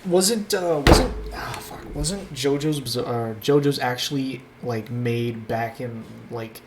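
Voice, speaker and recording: A man chatting casually as the host of his own talk show, often trailing off and restarting his thoughts. His pitch sits in an ordinary middle range. A faint noise hums under his voice. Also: slow pace. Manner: rambling, hesitant with many fillers and restarts. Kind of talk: casual chat.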